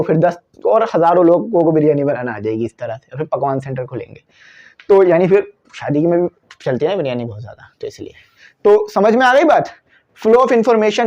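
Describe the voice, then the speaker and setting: A man with a Pakistani Urdu accent and a voice on the high side teaches physics in a classroom lecture video, using everyday examples and switching to English for terms. He speaks into a cabled microphone; his tone is darkish and the audio dull.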